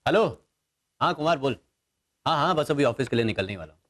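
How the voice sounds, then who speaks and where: An actor playing Sagar, a sheepish young husband in a TV serial. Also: male voice, mid-range voice, a little fast. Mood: eager. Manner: sheepish, excited about football. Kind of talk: TV serial acting.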